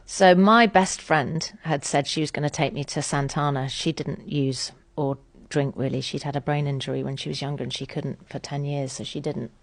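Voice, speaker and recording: A woman's voice: sits low, fairly even intonation, normal speed, no room sound. A woman in her fifties, frankly telling her own story of addiction and recovery, acting out the voices of people in it. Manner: frank, acts out quoted voices, swears. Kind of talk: candid personal storytelling.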